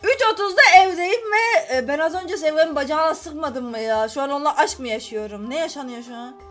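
A woman with a high, bright voice comments on a game as she plays. She scolds the characters, jumping between squealed outbursts and low grumbles. Faint game music plays underneath. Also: fairly quick. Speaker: gaming channel host. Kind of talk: casual gameplay commentary.

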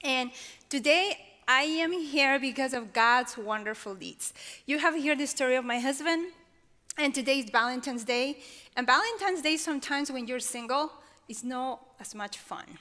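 A woman in her forties from Peru, speaking English with a Peruvian Spanish accent, giving an expressive personal testimony on an auditorium stage. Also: sits high, normal speed. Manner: expressive, gestures while speaking. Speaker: chapel speaker. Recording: long reverb of a large hall.

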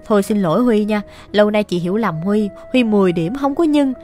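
A woman's voice: mid-range voice, fairly quick. A woman narrating a radio story in a chatty, gossipy, exasperated way. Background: soft music.

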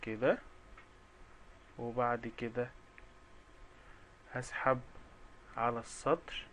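A man's voice: medium pitch, flat delivery, takes it slowly, a bit bright, slight background noise. A man with an Egyptian Arabic accent teaching young children the alphabet, sounding out syllables one by one in a cheerful, coaxing way.

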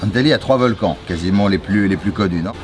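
A man's voice: low-pitched, very fast. A man in his forties from Geneva, a chef explaining his dishes with enthusiastic detail on an outdoor restaurant terrace. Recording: outdoor city traffic noise.

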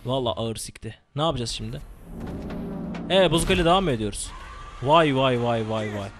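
A young man commenting live on his own gameplay, excitable and swearing, yelling at the game. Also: medium pitch, moderate pace. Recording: game music behind the voice. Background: game music and gunfire.

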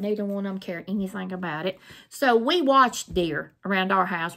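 A woman's voice: mid-range voice, pushed and bright. A middle-aged woman with a Mississippi Southern accent, chatting casually in a folksy, rambling way as she shows craft purchases. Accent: Mississippi Southern American. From Mississippi, United States. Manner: folksy, rambling, repeats herself. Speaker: craft vlogger. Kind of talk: casual unboxing chat. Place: small plain room indoors. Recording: noisy room, crinkling plastic.

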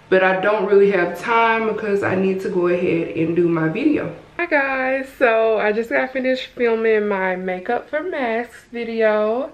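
A young woman in her twenties chatting casually to the camera at home for her vlog. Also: mid-range voice. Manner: relaxed, chatty, talking straight to camera. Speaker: vlogger. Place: bedroom at home, indoors.

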